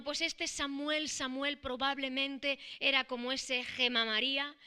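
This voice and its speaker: A woman's voice: sits high, bright, forceful tone. A woman with a Spain Spanish accent preaching a sermon, reading scripture and expounding it with emphatic, rising declarations.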